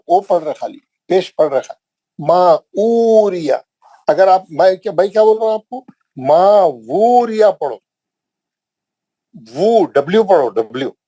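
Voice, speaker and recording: A man with a Hyderabadi accent leads an online recitation lesson, drawing out and repeating each drill word with great patience. His voice sits a little high for a man yet sounds mellow and dark. The recording is dry and close, with no room echo. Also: slightly rough. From India. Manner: slow and drawn out, repeating drill words for students. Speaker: Quran recitation teacher.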